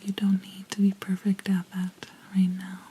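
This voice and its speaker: Up close to the mic, a woman hosting ASMR whispers a gentle, reassuring pep talk in a soft, breathy, unvoiced whisper, pausing mid-sentence. Her voice sits in the mid range and her delivery is completely flat.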